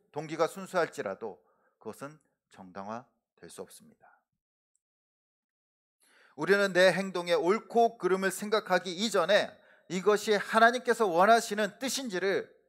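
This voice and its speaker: A middle-aged male pastor preaching in a church sanctuary. His voice sits fairly high and rises and falls a great deal, climbing hard on key words and trailing softly at the ends of sentences. The delivery is earnest and emphatic. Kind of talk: sermon.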